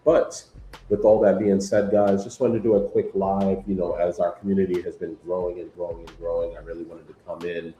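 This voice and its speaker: A very low-voiced man hosts a casual livestream, chatting loosely and filling pauses with "um" and "you know." His voice carries a roomy echo. A faint hum of noise sits underneath. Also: dull audio. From New York. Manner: relaxed, rambling, many fillers, keeps saying "guys". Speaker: livestream host.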